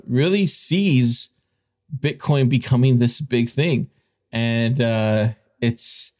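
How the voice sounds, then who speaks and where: A man's voice: mid-range voice, darkish tone. A man delivers informal news commentary as a show host. He talks partly off the cuff and leans on repeated phrases to make his points emphatic.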